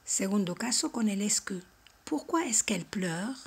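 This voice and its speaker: A woman teaching a French lesson, explaining grammar and slowly repeating model phrases for learners. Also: medium pitch, lively intonation, creaky, slightly rough. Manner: slow, carefully articulated model phrases, each repeated. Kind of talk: language lesson.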